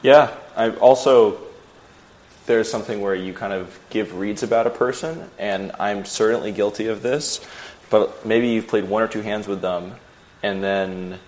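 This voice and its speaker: Low-voiced guy in a chill chat, owns up to his own mistakes. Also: measured pace, a little mellow, slight background noise. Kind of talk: casual chat.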